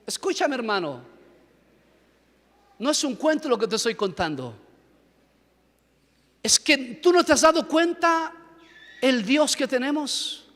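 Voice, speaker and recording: A man with an Ecuadorian Spanish accent preaching a fervent sermon in a church, telling dramatic stories and building to shouts. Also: extremely high pitch, very animated, a little slow, pauses often. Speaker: pastor. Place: church hall. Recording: echoey church hall.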